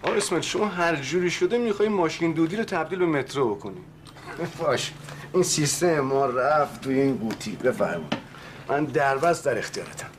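A man's voice: a little high, animated, noisy background, lightly acted. An actor playing a stubborn, testy male shopkeeper in a screen drama, curt but formally polite. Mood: weary, easing. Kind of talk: naturalistic screen drama acting.

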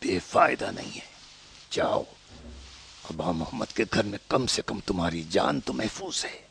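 A man playing a gravelly scheming plotter. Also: on the low side, expressive, a little slow, a bit bright, a little hiss or hum, heavily acted. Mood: commanding. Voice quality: gravelly and husky. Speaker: conspirator leader in a period drama. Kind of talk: dubbed historical drama acting.

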